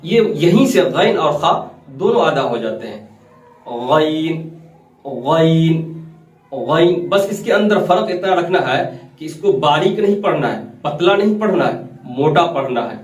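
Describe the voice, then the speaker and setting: A man's voice: a little high, very animated, reverberant, distant mic. A man teaching Quran recitation step by step, repeating points, quizzing his listeners and stretching out letter sounds to show them. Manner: repeats key points and asks the class questions, then answers them; drawn-out demonstrations of letter sounds. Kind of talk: step-by-step tajweed lesson.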